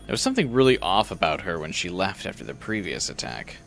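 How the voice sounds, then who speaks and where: A man's voice: low voice, big pitch swings, fast, creaky, fairly bright tone. A man doing casual, irreverent game commentary and reading story text aloud, with some background noise. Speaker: gameplay streamer.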